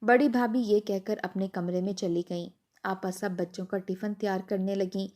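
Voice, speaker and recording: A woman telling a first-person family story in an even, soft storytelling manner. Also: mid-range voice.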